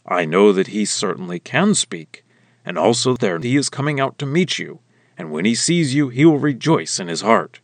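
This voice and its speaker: A man voicing a stern, commanding male god in a slow, weighty scripture reading. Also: mid-range voice, very animated, no room sound.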